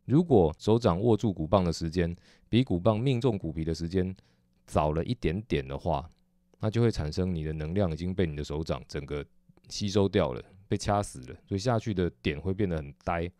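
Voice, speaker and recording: A man with a Taiwanese Mandarin accent gives a drum lesson in a very low, mellow voice. He explains step by step, patient and methodical, often dropping a soft "oh" between points. The sound is close and dry, with no room around it. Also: fairly quick, no room sound. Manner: patient, methodical, frequent "哦" fillers. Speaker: drum teacher. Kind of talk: instructional explanation.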